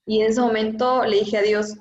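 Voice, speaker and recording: A woman's voice: fairly high pitch, flat delivery, normal speed. A woman with a Mexican accent gives an earnest, emotional personal testimony as an interview guest, talking with many fillers. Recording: echoey, dull lo-fi room sound.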